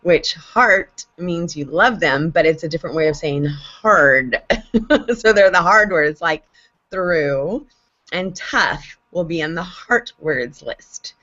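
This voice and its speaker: A woman chatting casually on a homeschool panel, explaining things with animated, talkative energy. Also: low-pitched, slow pace. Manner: chatty, animated when explaining, spells out letters. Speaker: homeschooling parent, panel host. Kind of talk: casual online panel chat. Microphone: video call. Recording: dull lo-fi video call audio.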